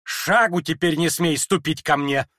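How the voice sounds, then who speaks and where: A man voicing a hot-tempered, proud older noblewoman who scolds in shrill, impetuous outbursts in a dramatized audiobook reading. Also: animated, moderate pace, a bit bright, no echo, clean studio sound. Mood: indignant.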